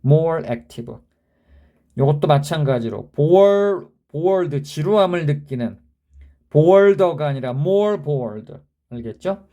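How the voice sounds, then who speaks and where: A man's voice: fairly high pitch, expressive, slow, dark tone, lo-fi sound. A man teaching a grammar lesson, who spells out word endings letter by letter and keeps quizzing the viewer in an emphatic way.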